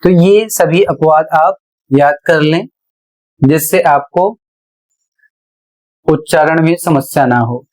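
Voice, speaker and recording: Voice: medium pitch, takes it slowly, long pauses, darkish tone, low-quality recording. A teacher with a Hindi accent, giving a pronunciation lesson, spelling out words letter by letter and then reading them aloud. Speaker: English teacher.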